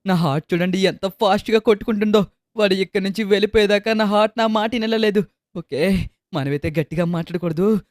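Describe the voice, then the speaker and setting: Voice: medium pitch, fast, darkish tone, no echo, close to an everyday voice. A performer voicing a frightened cartoon boy who hides and begs for rescue in a game video. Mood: hushed. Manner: panicky, pleading.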